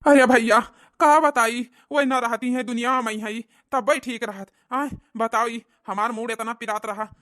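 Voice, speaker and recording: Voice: mid-range voice, fairly even intonation, unhurried, sharp tone, no echo, clean studio sound. A voice actor playing a self-pitying old village husband, complaining plaintively in a cartoon comedy. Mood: lamenting.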